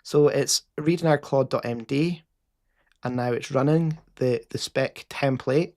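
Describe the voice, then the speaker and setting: A man's voice: medium pitch, unhurried, a little mellow. A man with a Scottish accent casually explaining a live coding session as host, with frequent fillers and restarts.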